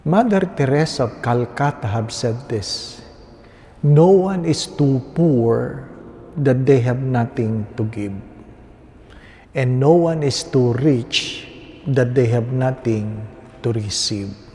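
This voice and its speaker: A priest, reading the gospel and preaching slowly and solemnly at Mass, with the long reverb of a large stone church around him. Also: male voice, medium pitch, warm tone. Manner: slow, measured, solemn delivery. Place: large basilica indoors.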